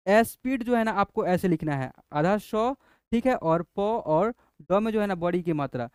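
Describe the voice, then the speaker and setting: A man's voice: high-pitched, smooth, dry recording, clean studio sound. A man teaching a spelling lesson to children, patiently repeating each point. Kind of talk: explaining a language lesson.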